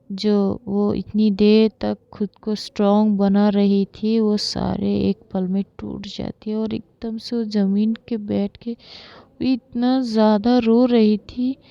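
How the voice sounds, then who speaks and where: A woman narrating an emotional love story in a dramatic, halting way. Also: medium pitch, gravelly, mellow, clear, resonant tone, dry recording, highs cut off.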